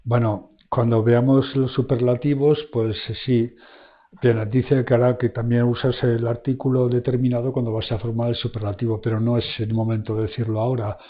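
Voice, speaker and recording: A man walks through German grammar in a loose, conversational way. His voice is soft and mellow, and his talk is full of fillers. He slows right down when he reads each German example aloud. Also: mid-range voice. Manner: relaxed, chatty, many fillers, reads German examples slowly. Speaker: German language teacher. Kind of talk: casual online lesson, explaining grammar.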